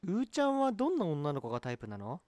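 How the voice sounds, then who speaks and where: The same kind of role again: a man voicing a bragging, smitten, excitable young fellow with boyish gushing, for an amateur comedy radio play. He talks fast in a fairly high pitch, with no room sound, and his mood is playful.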